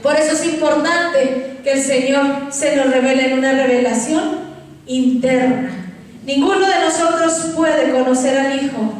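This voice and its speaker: A woman's voice: sits high, measured pace. Woman pastor, fervent sermon, long church reverb. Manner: fervent preaching, addresses congregation as beloved. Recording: echoey church hall from far off.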